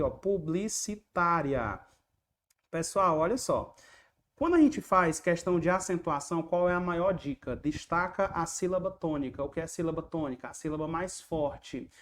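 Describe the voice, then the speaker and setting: A young man runs an online exam prep lesson. He talks in a loose, jokey way and repeats each rule and little rhyme until it sticks. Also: high-pitched. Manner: chatty, jokey, repeats key points.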